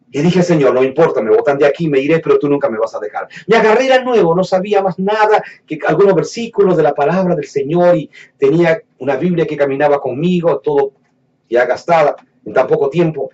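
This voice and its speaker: Impassioned preacher man, distant and muffled. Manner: impassioned, swings between hushed low lines and raised fervent ones; slows down and stretches words for emphasis. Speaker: preacher giving his testimony. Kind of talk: emotional sermon testimony. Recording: distant mic, dull lo-fi sound.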